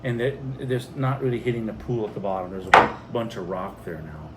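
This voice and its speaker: A middle-aged man with a lowish, brisk voice co-hosts a homestead vlog, chatting casually and recounting things plainly in short phrases. The clear recording carries a steady background hum, like ventilation.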